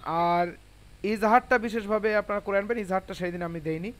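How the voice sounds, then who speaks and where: A man teaching Quran recitation in an online class, spelling out syllables slowly and asking students questions. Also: high-pitched. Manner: patient, asks students questions.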